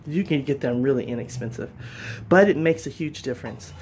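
A woman's voice: very deep voice, brisk, darkish tone, slight background noise. A middle-aged woman hosting a casual home cooking show from her kitchen, chatty and upbeat, talking straight to viewers.

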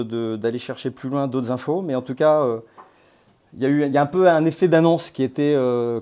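A man giving an informal presentation to a meetup group, talking in a conversational, halting way with many hesitations and restarts. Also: mid-range voice, darkish tone. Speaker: crypto platform founder giving a talk. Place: based in Nouméa.

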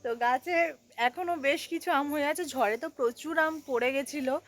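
A young woman chatting to her viewers in a lively vlog, addressing them as friends, recorded outdoors on a sunny rooftop. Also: sits high, brisk. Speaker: vlogger.

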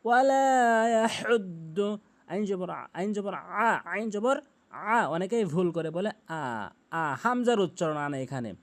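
A man teaching Quran pronunciation, chanting each word slowly and drawn out, then explaining the sounds in plain speech. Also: sits high, expressive. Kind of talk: tutorial on Arabic pronunciation.

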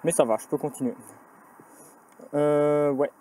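Filming himself with a handheld camera, a young man casually recounts his cycling trip through a village, a forest and a small bunker. His fairly high voice is warm, steady and unhurried, though he's a bit tired and chats in a self-mocking way with many fillers; the low-quality outdoor recording picks up clear ambient noise.

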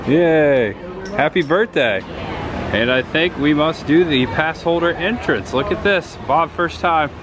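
A man's voice: on the high side, a little slow, background noise. A man narrating a casual walking vlog at a theme park, chatty and pointing things out as he goes.

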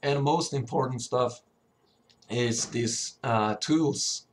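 Male tutorial presenter, slow and hesitant, mid-pitched, voice cracking from sickness. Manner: hesitant, often stumbling and throat-clearing. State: sick, sore voice. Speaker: tutorial presenter, level designer. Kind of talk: informal software tutorial.

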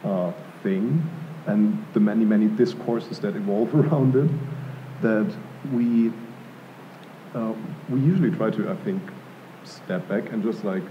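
This German artist in his thirties has a lowish voice and a measured pace as he answers on an art gallery panel before a live audience. His responses are careful and hesitant, laced with fillers and restarts. The table mic on a stand produces dull lo-fi room sound with slight hiss or hum.

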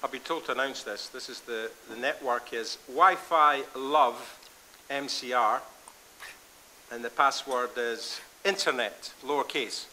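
A man's voice: mid-range voice, measured pace, pushed and bright, a little hiss or hum, rough recording. A man chairing a conference panel in a chatty, informal way, with frequent restarts.

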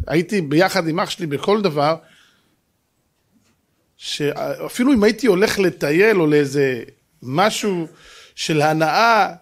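A middle-aged man giving a lively sermon to a live audience, telling stories and acting out voices and sound effects. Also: high-pitched. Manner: animated storytelling, acts out voices and sound effects. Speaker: rabbi.

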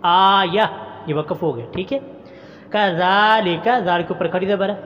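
A man teaching Quran pronunciation in an online class, chanting each verse slowly, then explaining the rules briskly. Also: high voice, big-room sound, highs cut off, a little hiss or hum.

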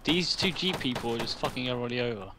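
A man's voice: medium pitch, racing, background noise. A young man bantering with a friend during an online shooter match, needling and teasing him. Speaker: teammate on voice chat. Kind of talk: casual gaming banter.

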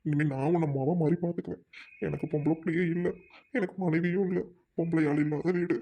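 Here is a man voicing a softened, remorseful widowed father in an amateur drama. The voice sits somewhat high and sounds mellow and dark in tone. Every word comes slowly and heavily, like an apology. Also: fairly even intonation. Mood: tender.

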